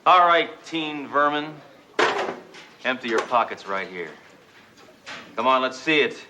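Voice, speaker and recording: An American actor playing a tough, cocky police detective in a TV comedy, sneering out insults with a deadpan manner. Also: male voice, mid-range voice, a little slow, dull audio, heavy background noise, close to an everyday voice. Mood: commanding, mocking. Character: tough, cocky, trigger-happy male police detective posing as substitute teacher. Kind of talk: deadpan sitcom acting.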